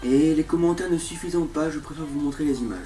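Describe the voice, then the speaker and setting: A man's voice: a little high, quick pace, mellow, distant mic. A young man giving casual, sarcastic commentary as the host of a horror game review show. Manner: sarcastic, mocking asides. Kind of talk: casual scripted video commentary on horror games. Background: music.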